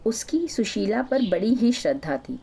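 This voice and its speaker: A woman narrating a storybook tale as the host of a storytelling channel, in a steady, clear delivery. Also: mid-range voice, a little slow, slight background noise.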